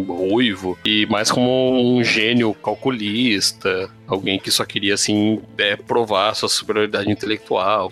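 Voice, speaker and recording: Lowish-voiced guy cohosting a comics podcast, chatty, laughs a lot, faint music under it. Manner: animated, laughs easily, lots of "né?". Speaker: podcast co-host. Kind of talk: casual comics podcast chat.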